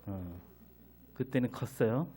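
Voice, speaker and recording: A man's voice: lowish voice, takes it slowly, warm tone. A middle-aged man preaching a sermon as pastor, asking the congregation questions and answering them himself.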